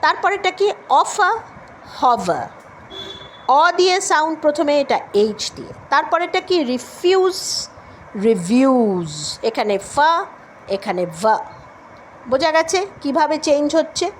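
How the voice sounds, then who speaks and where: A woman teaching spoken English in a classroom lesson with a Bengali accent, slowly modeling word pairs. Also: high-pitched, lively intonation, a little hiss or hum.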